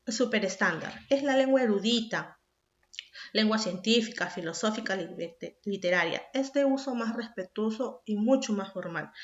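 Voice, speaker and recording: High-voiced woman teaching a lesson. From Peru. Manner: explanatory, speaks directly to the student with questions. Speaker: secondary school teacher. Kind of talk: recorded class lesson. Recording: echoey room, dull lo-fi sound.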